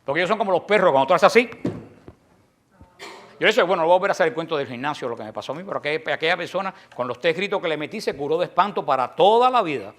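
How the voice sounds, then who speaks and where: A man from Cuba with a Cuban accent, giving an apologetics lecture to a class, emphatic and storytelling, slowing down and letting the ends of key phrases fall away softly. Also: fairly high pitch. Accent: Cuban Spanish. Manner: acts out quoted exchanges in lively storytelling. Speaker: apologetics teacher.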